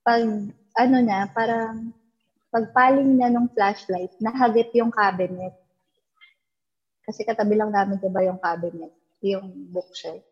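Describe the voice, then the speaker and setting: A woman's voice: mid-range voice, breathy edge. A woman telling a ghost story in a casual interview, mixing English into her talk and acting out what people said. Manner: mixes English into Tagalog, acts out quoted dialogue. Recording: dull lo-fi recording.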